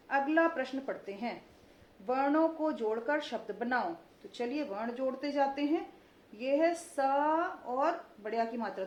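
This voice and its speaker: A young woman with a high but darkish voice teaches Hindi vowel marks to children, her sound roomy on a slightly dull lo-fi recording. She stretches out every word to mark vowel length, asking call-and-response questions and checking in often with "ठीक है".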